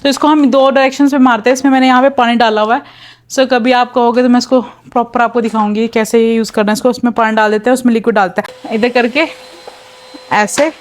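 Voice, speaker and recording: Chatty high-voiced young mom vlogging. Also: female voice, steady tone, quick pace. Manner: chatty, mixes English into Hindi, talks to her child between lines. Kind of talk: casual home vlog chat. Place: home, indoors, while cleaning floors.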